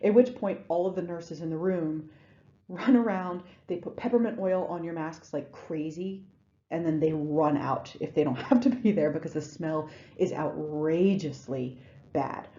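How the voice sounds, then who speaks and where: A woman's voice: low-pitched, a little slow, mellow, lo-fi sound. A woman giving a recorded lecture in a conversational way, with frequent ums and restarts. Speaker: instructor.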